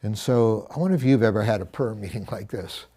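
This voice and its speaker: A man's voice: on the low side, fairly quick, mellow. A middle-aged man teaching a Bible study in an earnest, reflective, conversational way, with frequent asides and self-corrections.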